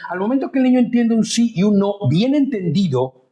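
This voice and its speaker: A man's voice: sits high, big pitch swings, a little fast, mellow. A man teaching a conversational Bible study, often turning to his listeners with questions. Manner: chatty, asks listeners questions.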